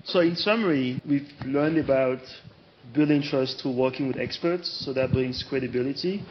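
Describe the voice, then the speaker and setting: Male moderator, mid pitch, summarizing and inviting questions, lo-fi recording. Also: moderate pace, a little hiss or hum. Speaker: panel moderator. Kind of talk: moderating a conference panel.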